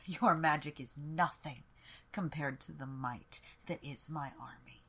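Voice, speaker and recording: A woman voicing a haughty, cruel warlord queen who mocks her captive in a slow, sneering, half-whispered way. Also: low voice, fairly bright tone, breathy edge, full character voice. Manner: sneering, mocking, slow and deliberate.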